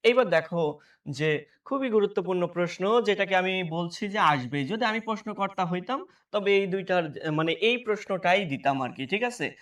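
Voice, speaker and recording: High-voiced teacher, set back from mic. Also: male voice, expressive, brisk, a bit bright, recorded from a distance. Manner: asks questions aloud and answers them himself, checks in often. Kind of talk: exam-prep lesson.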